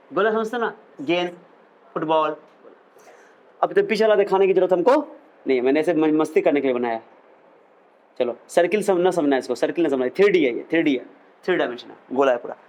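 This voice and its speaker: Young male physics teacher with a high voice, chatty, asks and answers his own questions. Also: lively intonation, a little fast, long pauses, a little mellow, low-quality recording. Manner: asks questions and answers them himself, mixes in English terms; chatty, jokey asides. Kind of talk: classroom lecture.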